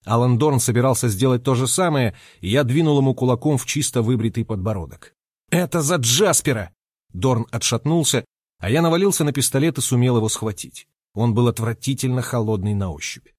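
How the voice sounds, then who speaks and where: A man reading a first-person audiobook in a lively, expressive way. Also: medium pitch, a little fast, no room sound, clean studio sound. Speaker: audiobook narrator.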